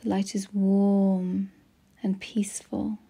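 In this guided meditation, a woman's voice stays soft and airy, frequently nearing a whisper. Long silences separate her slow, soothing phrases. There's very little pitch movement, just a level middle register that flows evenly and gently.

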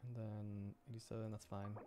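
A VTuber game streamer mutters and thinks aloud to himself as he plays, chatting casually on his livestream. His voice sits on the low side with a level tone and moderate pace, and the background is noisy.

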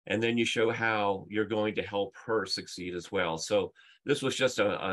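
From a book-lined room at home, a middle-aged conference speaker who leads in UX presents on a video call, his lowish voice a bit bright. He explains emphatically, leaning on stories and rhetorical questions.

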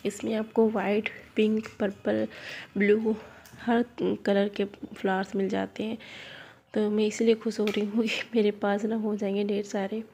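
She speaks a little slowly in a level, mellow, medium-pitched voice, with slight background noise around her. The woman is vlogging as she plants cuttings in her home garden, holding her phone in one hand and chatting to viewers like friends.

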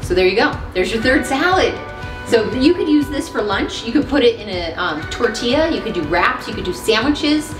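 A woman's voice: a little high, big pitch swings, normal speed. A woman in her thirties chatting upbeat and giggly as she demonstrates recipes in a small RV kitchen. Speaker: cooking vlog host. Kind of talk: casual cooking demonstration. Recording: roomy with background music.

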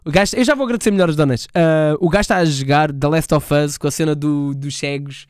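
A young Portuguese man hosts his live stream with a high, bright voice, loud and quick to swear as he reacts to clips. His European Portuguese accent is plain. He speaks close to the mic in a dry, dead room with no echo. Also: smooth. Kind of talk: casual live-stream chat.

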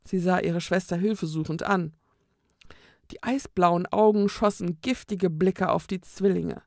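A woman reading a children's book aloud in a calm, measured storytelling manner. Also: lowish voice, no room sound, clean studio sound. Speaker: storybook reader.

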